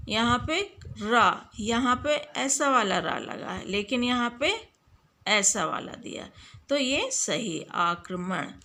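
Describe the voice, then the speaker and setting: A woman's voice: a little high, pushed and bright. A woman teacher giving a lesson to students, stretching out words and asking quiz-style questions. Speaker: school Hindi teacher. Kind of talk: online classroom lesson.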